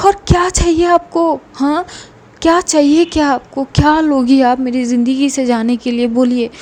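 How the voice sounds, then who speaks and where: A woman's voice: high-pitched, fairly even intonation, moderate pace, a little mellow, lightly acted. A woman voicing an upset young woman who insistently pleads with someone to stay away. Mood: pleading. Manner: pleading, insistent, repeats please.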